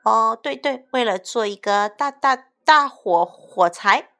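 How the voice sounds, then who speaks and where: A woman's voice: on the high side, animated, a little slow, sharp tone, pitched above the performer's own voice, full character voice. A woman voicing a timid, stammering little lamb in a children's storybook reading. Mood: flustered. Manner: stammering, flustered.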